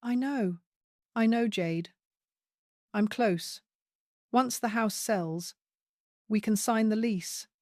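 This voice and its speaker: Woman doing a low smug scheming son. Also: a little mellow, no echo, studio quality. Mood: murmuring. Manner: low, smug, slow and drawn out.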